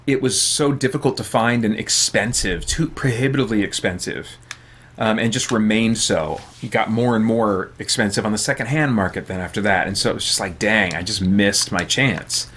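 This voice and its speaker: A man's voice: lowish voice, a little fast, a bit bright, slight background noise. A man hosting a gaming channel, chatting casually and thinking aloud with many fillers while he plays. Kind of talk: casual chat while playing games.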